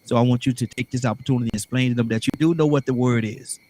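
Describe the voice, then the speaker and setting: A man's voice: medium pitch, very fast, a little mellow. A man hosting casual radio talk, repeating his phrases for emphasis. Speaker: radio show host.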